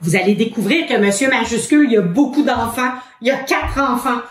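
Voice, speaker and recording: A woman's voice: a little high, animated, brisk, recorded from a distance, a little hiss or hum. A woman with a Québécois accent who teaches young children, patient and encouraging, asking many questions. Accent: Québécois French. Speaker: children's educator. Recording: roomy echoing room.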